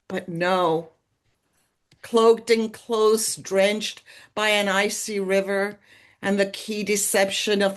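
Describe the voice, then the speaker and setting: Brief: woman poet, slow and solemn dramatic recitation, mid-range voice. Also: mid-range voice. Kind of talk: poetry reading. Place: arts center.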